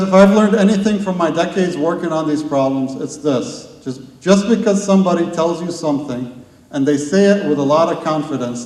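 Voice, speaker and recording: In a large hall, recorded from a distance with heavy echo, a conference speaker talks to a live audience. His voice is a little high and darkish, and he leans on rhetorical questions and long lists built through repetition.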